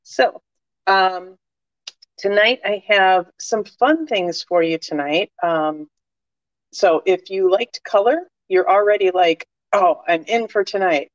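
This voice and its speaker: A woman's voice: medium pitch, slow pace, no room sound, muffled recording. A woman with a slight cold, a crafting demonstrator chatting her way through a live-stream demonstration with many fillers and asides. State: slight cold, cough drop in mouth.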